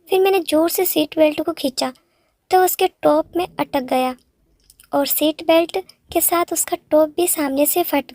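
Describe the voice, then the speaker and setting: A woman narrating a first-person story in a steady read-aloud manner. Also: high-pitched, dry recording.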